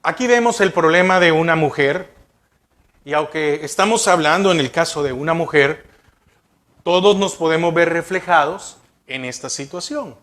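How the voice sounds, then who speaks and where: A man's voice: fairly high pitch, moderate pace, fairly bright tone. A male pastor preaching a sermon, asking the congregation rhetorical questions.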